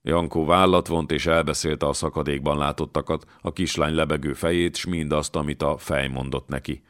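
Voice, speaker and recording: A man reading a historical novel aloud as an audiobook narrator, measured and steady. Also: a bass voice, no room sound, clean studio sound. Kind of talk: scripted narration.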